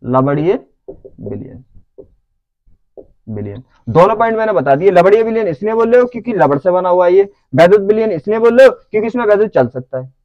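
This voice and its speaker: High-voiced man teaching a class. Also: animated, racing, hardly any pauses, no room sound, muffled recording. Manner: checks understanding with repeated questions. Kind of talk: classroom lecture.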